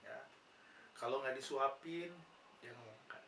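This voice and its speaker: A man's voice: mid-range voice, unhurried, bright, forceful tone. Patient male lecturer, echoey distant room. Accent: Indonesian. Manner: patient, asks rhetorical questions and answers them, frequent "ya" fillers. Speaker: nursing lecturer. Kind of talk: explanatory lecture conversation. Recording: roomy, distant mic, noisy background.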